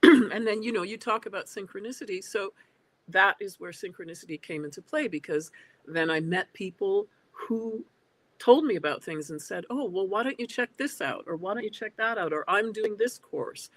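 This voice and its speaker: A woman in her sixties speaks as an interview guest over a video call. She talks thoughtfully and keeps pausing on small hesitant fillers. Her voice sits at an ordinary pitch for a woman. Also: lively intonation, no room sound. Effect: heard over a video call. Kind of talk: reflective interview talk. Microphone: computer on a video call.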